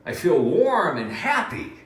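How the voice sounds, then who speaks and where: A man voicing a cheerful little mouse and bird with high, bright squeaky voices. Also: very animated, slow, roomy sound, far from the mic. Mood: cheery.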